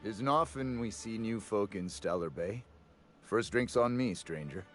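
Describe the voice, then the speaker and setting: A man's voice: lowish voice, measured pace, soft background music, close to an everyday voice. A man voicing a hospitable small-town bartender in a video game, with folksy turns of phrase. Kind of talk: video game dialogue acting.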